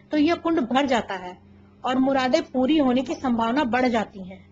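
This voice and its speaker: A female presenter reads a scripted news feature in a measured, storytelling manner. Her voice is a little high. The recording is dull and lo-fi, with a faint hiss underneath. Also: a little mellow.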